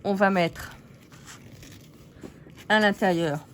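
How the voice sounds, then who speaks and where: A woman's voice: medium pitch, slow pace, a bit bright, slight background noise. A woman hosting a casual scrapbooking tutorial, chatty and giggly, poking fun at herself as she works. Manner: chatty, giggly, self-mocking.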